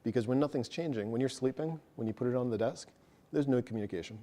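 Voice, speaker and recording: A man presenting a technical talk to a live audience, quick and casual, joking about himself. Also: mid-range voice, mellow. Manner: fast, casual, self-deprecating. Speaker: meetup presenter. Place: meeting room with an audience.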